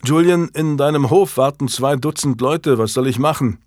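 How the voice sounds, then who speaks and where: A man voicing a blunt, excitable young knight who exclaims loudly in an audiobook. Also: mid-range voice, moderate pace, no echo, studio quality, voice pushed up, close to an everyday voice. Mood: startled. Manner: loud and exclaiming.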